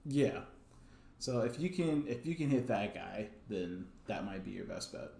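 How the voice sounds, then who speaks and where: A man running a tabletop game as dungeon master, narrating in a relaxed, halting way with many fillers. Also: lowish voice, creaky, echoey room.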